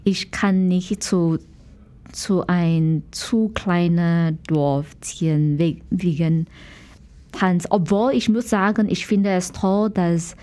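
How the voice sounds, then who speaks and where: A Malaysian woman, a dancer and dance teacher, answers conversationally as an interview guest in a Malaysian accent, searching for words in a language she learned later; her native languages are English, Mandarin and Malay. Her voice is on the low side and mellow, and she takes it slowly.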